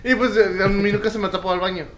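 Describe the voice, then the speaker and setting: A man's voice: sits high, steady tone, very fast, fairly bright tone. A young man with a Mexican accent, chatting casually and joking with slang. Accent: Mexican Spanish. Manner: joking, slangy, laid-back. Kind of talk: casual chat.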